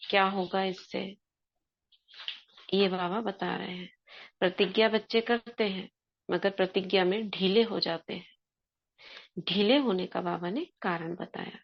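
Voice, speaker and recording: A woman's voice: medium pitch, vocal fry, lo-fi sound. A woman explaining a spiritual text to a class in a conversational way, quizzing her listeners.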